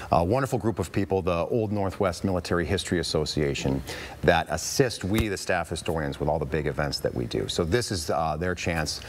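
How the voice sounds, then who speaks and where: An American man in a TV interview as a historian guest, speaking deliberately and drawing out words for emphasis. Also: sits low, a little hiss or hum. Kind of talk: live TV interview.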